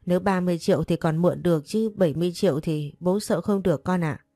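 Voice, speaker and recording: A woman doing a gentle, patient father. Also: on the low side, fast talker, no room sound, studio quality, soft background music. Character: kind, patient working father.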